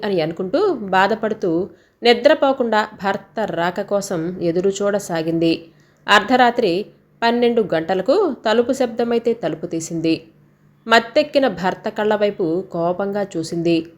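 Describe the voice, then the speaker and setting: A woman narrating a domestic family story in a steady, measured reading voice. Her delivery is calm and even, at an ordinary pitch.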